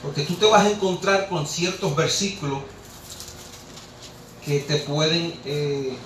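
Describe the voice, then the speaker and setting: A man's voice: on the high side, takes it slowly, fairly bright tone, a little hiss or hum. A man preaching a sermon, impassioned, rhetorical and scolding. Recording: echoey room, distant mic, faint ambience.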